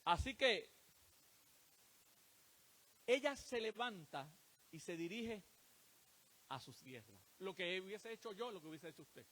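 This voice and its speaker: A man's voice: high voice, animated, unhurried, long pauses, sharp tone. A man preaching a sermon, asking the congregation rhetorical questions and answering them himself.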